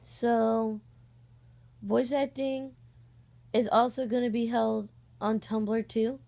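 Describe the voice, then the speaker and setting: A teenage girl, 16, who makes amateur voice-acting content, rambles hesitantly through a casual vlog-style announcement. Her voice is a little high and level in tone, slow, warm, and touched with vocal fry, captured on a cheap, slightly distorted microphone.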